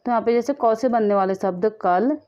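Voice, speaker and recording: A woman teaching a children's lesson with a patient, steady manner. She repeats each example word slowly and answers the questions she asks herself. The recording sounds a little muffled and lo-fi. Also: a little high. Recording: muffled lo-fi audio.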